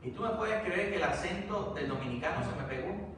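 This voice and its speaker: A pastor with a Puerto Rican accent preaches a sermon directly to his congregation, using a repeating, building cadence. His voice is a little high, expressive, brisk and fairly bright. The church sanctuary is very echoey, with a distant mic and faint noise.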